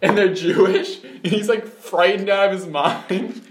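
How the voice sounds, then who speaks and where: A young man co-hosting a podcast in relaxed, casual chat, full of "like" and "bro". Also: high voice, measured pace. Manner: laid-back, casual, says "bro" and "like". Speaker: podcast co-host. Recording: echoey room, faint noise.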